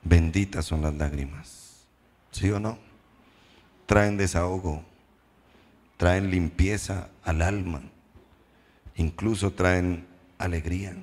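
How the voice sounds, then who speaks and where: A man preaching a sermon as pastor, posing questions to the congregation and slowing down for emphatic repetitions. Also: low-pitched, fairly even intonation, darkish tone. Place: church hall. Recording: reverberant church hall.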